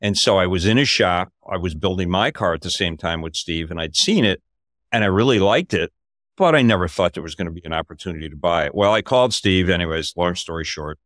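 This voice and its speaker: An older man hosting a podcast, talking fast in a low-pitched voice, tells a casual story over a video call from his home office. His voice goes up when he gets excited, and the studio-quality recording has no room sound.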